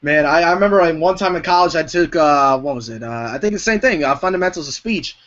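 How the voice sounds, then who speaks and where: A man hosting a podcast, chatting casually and telling animated stories with plenty of swearing. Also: on the high side, fast talker. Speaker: podcast host. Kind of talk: casual chat. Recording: dull lo-fi sound.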